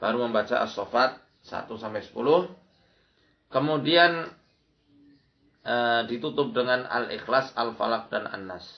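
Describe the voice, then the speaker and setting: A man's voice: mid-range voice, measured pace, gravelly, long pauses. A man giving an instructional religious lecture as an Islamic preacher, often repeating key phrases. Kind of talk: religious lecture with recited Arabic prayers. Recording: dull lo-fi audio.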